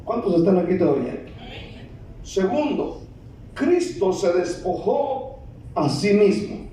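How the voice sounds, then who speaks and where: Male pastor, Guatemalan accent, very high voice, slow and emphatic sermon delivery, booming echoey hall, a little off-mic. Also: big pitch swings, recorded from a distance, a little hiss or hum. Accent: Guatemalan Spanish. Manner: emphatic preaching, rising to shouts, slow deliberate phrasing. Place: large church hall. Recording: echoey hall, preacher off-mic, faint ambience.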